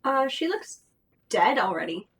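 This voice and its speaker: Casting: woman, high breathy voice with animated pitch, casual companion to a gamer. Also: measured pace, a little hiss or hum. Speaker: companion watching the game. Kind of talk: casual chat.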